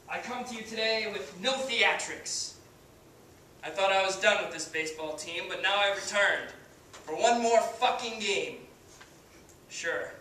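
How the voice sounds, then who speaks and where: Young guy doing a swaggering ballplayer pep talk to his team, highish voice, super echoey room, mic far away. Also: bright, forceful tone. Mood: solemn, grandiose. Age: young adult. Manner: declamatory, swaggering, deliberate pauses. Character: cocky, foul-mouthed male baseball star rallying his team. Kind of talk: halftime pep speech, audition monologue. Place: indoor hall, stage area, far camera. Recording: distant, very echoey room, faint noise.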